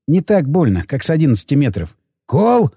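Lively gruff male audiobook narrator. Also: on the high side, normal speed, dry recording, studio quality. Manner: gruff, coarse first-person telling.

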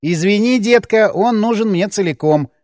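A man's voice: sits high, moderate pace, darkish tone, dry recording, voice pushed up, close to an everyday voice. Give me a man doing a sardonic, scarred gunman who drawls his taunts, close and dry. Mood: mocking. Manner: drawling, mocking. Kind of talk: audiobook character voice.

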